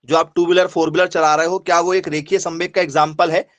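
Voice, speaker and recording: High-voiced male teacher quizzing an online class. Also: flat delivery, quick pace, fairly bright tone, dry recording. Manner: repetitive, quizzing students, asks for yes or no replies.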